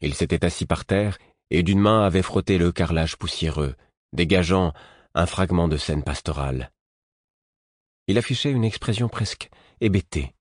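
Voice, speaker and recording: A man reading a first-person audiobook in a measured, even storytelling manner. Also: low voice, dry recording, clean studio sound. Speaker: audiobook narrator. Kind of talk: scripted first-person narration.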